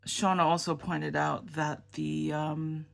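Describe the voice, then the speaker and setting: Tired woman vlogger, low and creaky, slow hesitant rambling chat. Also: little pitch movement. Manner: rambling, hesitant, with many ums and restarts. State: tired and subdued. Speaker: fountain pen vlogger. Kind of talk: casual show-and-tell chat.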